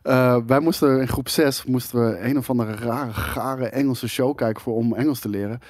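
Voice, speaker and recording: A man from the Netherlands co-hosting a podcast in a casual, lively, joking chat, often restarting his sentences. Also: medium pitch, normal speed, no room sound, clean studio sound. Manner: lively, jokey, stumbles and restarts. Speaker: podcast co-host. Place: studio at a table.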